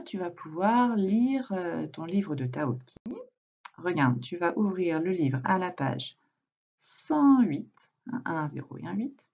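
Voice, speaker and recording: A woman teacher recording a reading lesson for a young child at home, speaking slowly and patiently, addressing the child directly. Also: fairly low pitch, darkish tone, dull audio. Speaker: primary school teacher.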